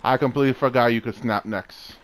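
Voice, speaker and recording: A man's voice: mid-range voice, steady tone, fairly quick, slight background noise. A man chatting casually while playing a co-op game, often exclaiming and laughing. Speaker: gamer. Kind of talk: casual co-op gameplay chat.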